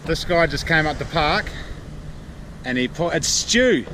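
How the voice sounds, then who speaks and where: A man's voice: a little high, animated, measured pace, pushed and bright. A man with a broad New Zealand accent chatting casually to his vlog in a blokey, slangy way. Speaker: vlogger. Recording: noisy outdoor vlog audio, traffic and ambience.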